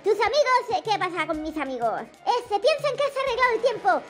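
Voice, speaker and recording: A woman with a Spain Spanish accent giving excited, chatty gameplay commentary to her viewers. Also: very high-pitched, fairly quick, soft background music. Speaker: gaming YouTuber.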